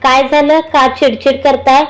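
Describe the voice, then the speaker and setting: A woman voicing a gentle, flustered young wife who soothes her husband, in a high voice. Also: little pitch movement, normal speed, close to an everyday voice. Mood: soothing.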